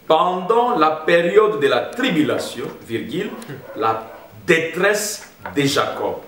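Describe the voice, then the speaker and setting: A man's voice: a little high, very animated, slow pace, fairly bright tone, slight background noise. A man preaching a sermon as pastor, emphatic and addressing the congregation as brothers. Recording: roomy echo, heard from a distance.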